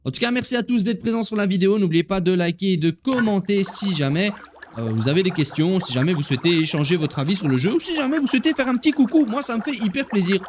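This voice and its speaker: Brief: playful gaming host, a man with a fairly high voice, talking straight to viewers as he plays. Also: animated, fast talker, a little hiss or hum. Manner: chatty, talks straight to viewers while playing; playful, laughs at himself. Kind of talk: casual gameplay commentary.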